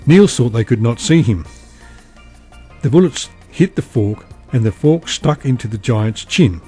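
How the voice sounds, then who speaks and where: Guy reading a bedtime story, calm and even, faint music behind. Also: medium pitch, husky.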